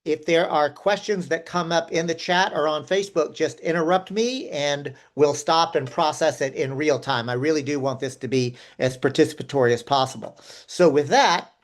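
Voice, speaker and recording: Over a video call, a man guides an online workshop where people are encouraged to take part, musing aloud with filler words. He has a slightly high voice, keeps a moderate pace, and barely pauses.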